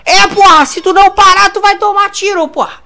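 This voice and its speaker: Woman doing a shouty, swearing tough-guy hothead for a homemade comedy radio sketch; high voice. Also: steady tone, fairly quick, vocal fry, slight background noise, heavily acted. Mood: aggressive. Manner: swears constantly, threatens loudly. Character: brash foul-mouthed tough guy, hot-tempered.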